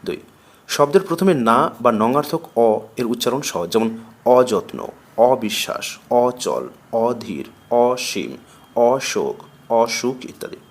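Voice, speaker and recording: A man with a Bengali accent reads a grammar lesson aloud in a measured classroom delivery. He dictates questions and rules at a slow, deliberate pace and repeats each example word. His voice sits at an ordinary middle pitch. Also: lively intonation. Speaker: teacher.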